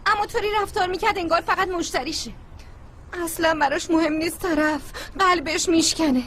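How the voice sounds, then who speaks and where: A woman's voice: very high-pitched, steady tone, fairly bright tone, slight background noise. An actress playing an upset young woman who blames herself and speaks tearfully in a dubbed drama. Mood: hurt. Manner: tearful, self-blaming. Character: upset young woman, distraught over a lover's lies.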